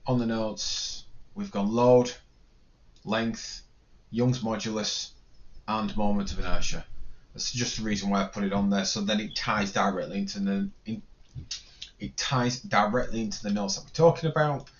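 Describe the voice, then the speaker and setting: A man's voice: on the low side, steady tone, moderate pace, lo-fi sound. A man teaching an engineering calculation in a spreadsheet, thinking aloud and correcting himself as he goes. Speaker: engineering lecturer. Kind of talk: screen-recorded spreadsheet tutorial.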